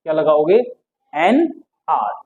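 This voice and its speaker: A teacher, speaking in a mellow, warm tone at a middle pitch. They keep posing a question and answering it in the same breath, then repeat the key word slowly so it sinks in. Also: very animated, dull audio. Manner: asks questions and answers them at once. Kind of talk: explanatory lesson.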